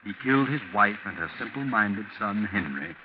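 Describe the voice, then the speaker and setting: A man playing a sinister, all-knowing mystery narrator in 1940s radio style, ominous and mocking, with theatrical pauses on an old recording. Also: fairly low pitch, expressive, narrow, tinny audio, noisy background, close to an everyday voice. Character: the Whistler, sinister all-knowing male narrator of night tales. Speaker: narrator host.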